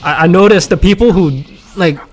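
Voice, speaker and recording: A man's voice: sits high, normal speed, a little mellow. A man giving casual gameplay commentary, rambling with lots of fillers and restarts. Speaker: gaming content creator.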